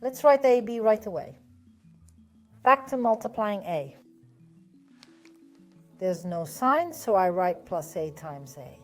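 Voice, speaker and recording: A woman's voice: mid-range voice, animated, slow, pauses often, faint music behind. A woman teaching a math lesson step by step, patient and methodical, often asking a question and then answering it herself.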